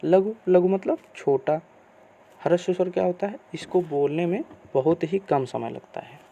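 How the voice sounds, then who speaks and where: A man teaching a grammar lesson, asking questions and answering them himself in slow, repeated teacherly phrasing. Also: high-pitched, creaky, dark tone, dull audio, slight background noise.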